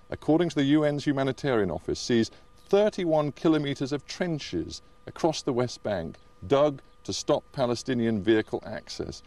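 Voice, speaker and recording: A man conducting a confrontational television interview, probing and challenging with deliberate, emphatic phrasing. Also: mid-range voice, a little mellow. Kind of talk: confrontational current affairs interview.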